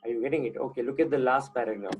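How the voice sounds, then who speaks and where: Husky-voiced man lecturing a class. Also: medium pitch, very fast, darkish tone, poor audio. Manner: asks students questions and repeats key points. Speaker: teacher.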